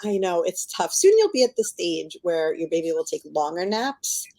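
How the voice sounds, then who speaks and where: A lowish, dark-toned woman's voice with lively intonation and a moderate pace belongs to a middle-aged American author in a casual, chatty book interview. She speaks informally, frequently slipping in "like", and the recording quality is rough.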